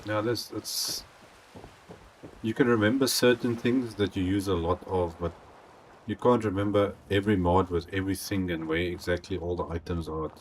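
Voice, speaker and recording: A man thinking aloud as he streams a building game, rambling with halting restarts. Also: deep voice, steady tone, slight background noise. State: out of breath. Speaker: gaming live streamer. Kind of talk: casual live-stream commentary.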